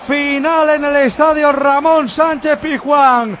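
A man gives live radio football commentary in a very high voice. He announces the score with emphasis. A faint noise lies behind him. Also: fairly even intonation, slow pace, a bit bright. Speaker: play-by-play commentator.

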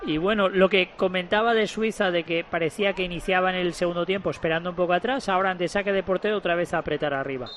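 Hesitant high-voiced football analyst. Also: male voice, fairly even intonation, fast, few pauses, a bit bright, a little hiss or hum. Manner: hesitant, full of fillers and restarts. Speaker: co-commentator. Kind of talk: football analysis and casual chat.

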